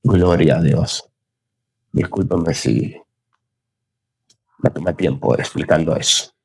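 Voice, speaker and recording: A man's voice: rumbling low, slow, gravelly, darkish tone, slightly rough, dry recording. A man giving a recorded Bible lesson in an earnest, unscripted way, often praising God and stopping to correct his own slips. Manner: earnest, exclaims "Gloria a Dios", stumbles and corrects himself. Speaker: Bible teacher.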